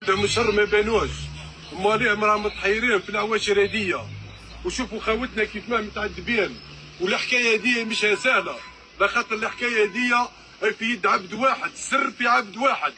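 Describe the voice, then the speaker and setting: A man's voice: high voice, bright, forceful tone. An Algerian man making an impassioned street appeal, urgent, pleading and repeating himself as a spokesman for relatives. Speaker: spokesman for relatives of missing migrants. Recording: faint background noise.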